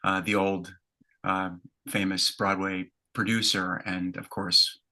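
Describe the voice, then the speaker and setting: A man in his fifties with a low voice and a bright, forceful tone. He tells his stage stories in an easy, conversational way, reflective and detailed, pausing on fillers as he thinks. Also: little pitch movement. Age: 50s. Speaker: interview guest, stage performer. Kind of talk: conversational storytelling.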